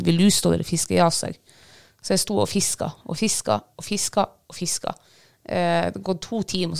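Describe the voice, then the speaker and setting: Lady chatting casually, gravelly low-ish voice but smooth, candid and laughing at herself a lot. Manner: candid, self-deprecating storytelling, laughs often. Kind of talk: casual chat.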